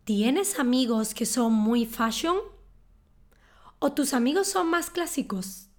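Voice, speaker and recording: Slow-spoken woman teaching. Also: a little high, animated. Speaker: Spanish teacher. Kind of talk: scripted lesson monologue.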